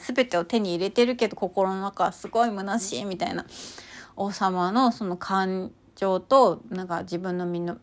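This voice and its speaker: Chatty woman rambling about her walks, lots of fillers, squeals when excited. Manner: chatty, animated, bursts into high excited exclamations; many fillers, lots of sentence-final さ. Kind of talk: casual spiritual chat.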